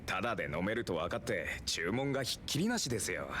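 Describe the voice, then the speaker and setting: An actor playing a deferential cabaret staffer in a video game, speaking in a polite, formal way. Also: male voice, on the low side, big pitch swings, rapid-fire, a bit bright, a little hiss or hum. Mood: dutiful, apologetic.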